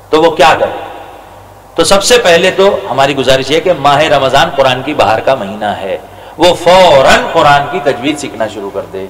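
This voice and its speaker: A male religious scholar giving a Quran recitation lesson, slowly drawing out each Arabic letter. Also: on the high side, fairly bright tone. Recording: reverberant hall with faint noise.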